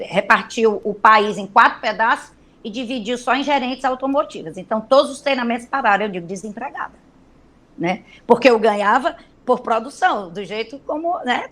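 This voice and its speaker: Lively woman storyteller. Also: fairly high pitch. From Brazil. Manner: lively storyteller who acts out dialogue. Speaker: business trainer and consultant. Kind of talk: webinar storytelling.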